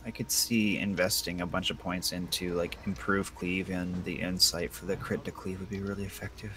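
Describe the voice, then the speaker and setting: A man's voice: low-pitched, level tone, normal speed, noisy background. A man chatting casually over voice chat during a game, making short, laid-back remarks.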